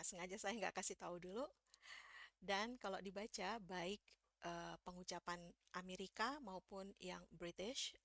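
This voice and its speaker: Patient woman teaching pronunciation, gravelly. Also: mid-range voice, fairly bright tone, no echo, studio quality. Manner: patient, explains step by step with frequent "ya" and "eh" fillers; models sounds slowly and demonstrates vowels. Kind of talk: casual spoken lesson.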